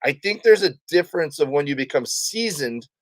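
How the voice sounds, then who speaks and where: A man's voice: on the high side, animated, moderate pace, no echo. A man, a comedian guest, telling a story in a casual interview and acting out the quotes of the people in it.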